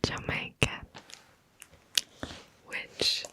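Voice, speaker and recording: A woman hosting an ASMR video in a close whisper, right in your ear on a binaural mic, lingering over and repeating words. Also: pushed and bright. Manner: slow, lingering repetition of words. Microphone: close binaural microphone.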